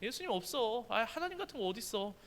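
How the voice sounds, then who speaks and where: A bored young skeptic shrugs off every invitation in a dismissive, reluctant tone, as a preacher puts him on mid-sermon. His voice rides high but comes out soft and lazy. It still has a bright, lively ring. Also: fast, exaggerated voice.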